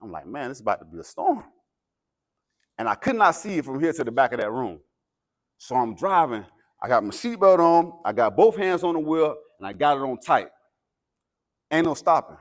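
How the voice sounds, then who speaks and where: Speaking at a moderate pace with frequent pauses and a medium-pitched voice, an American guest motivational speaker delivers a pregame pep talk. He sounds like a preacher, emphatic throughout, moving from calm talk up to loud exhortation.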